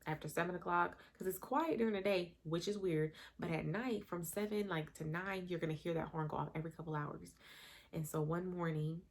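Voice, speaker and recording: A woman's voice: fairly low pitch, fairly quick. A woman in her thirties telling a candid, emotional personal story in a conversational vlog. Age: 30s. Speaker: vlogger.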